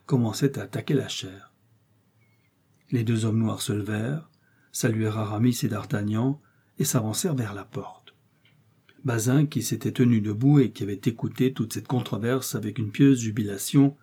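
A man narrating a classic novel as an audiobook, in an even, measured reading. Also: medium pitch, husky. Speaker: audiobook reader. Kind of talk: scripted narration.

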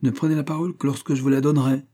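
Stern interrogating judge, voiced by a male reader: curt, authoritative, warm-dark timbre. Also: mid-range voice, brisk, close to an everyday voice. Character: stern male investigating judge, severe and commanding.

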